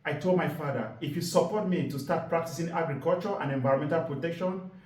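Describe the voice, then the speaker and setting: A man in his forties speaks, his voice sitting a little high for a man. He tells his story earnestly and leans on key words. His voice comes from a distance and rings around a roomy space. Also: a little mellow. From Cameroon. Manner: earnest, storytelling delivery with deliberate emphasis. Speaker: environmental activist giving a presentation. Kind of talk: public presentation talk.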